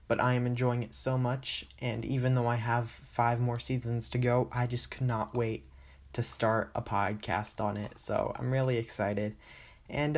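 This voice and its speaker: A man's voice: mid-range voice, a little mellow. A man hosting a podcast, giving a casual, chatty recap of an episode with many "uh" fillers. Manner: chatty, loose, with frequent "uh" fillers. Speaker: podcast host.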